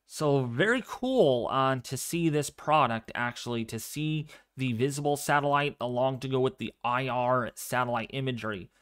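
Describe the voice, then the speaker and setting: A man hosts a live severe weather stream, commenting and chatting with viewers in a calm, fairly monotone voice that is quiet but clear. He speaks at a medium pitch and a moderate pace, with few pauses.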